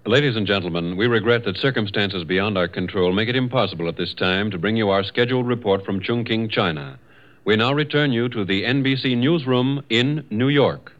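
A man's voice: fairly low pitch, fairly quick, fairly bright tone. A man with an American accent makes formal announcements as a 1940s radio network announcer. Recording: muffled vintage 1940s radio broadcast.

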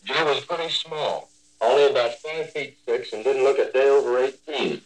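A man working as a radio war correspondent, reading his scripted news report in a measured, descriptive way. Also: mid-range voice, poor audio.

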